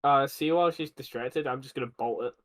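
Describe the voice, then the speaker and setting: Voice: medium pitch, brisk, fairly bright tone, dry recording. A player in a tabletop game, chatting playfully and laughing a lot. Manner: giggly, playful.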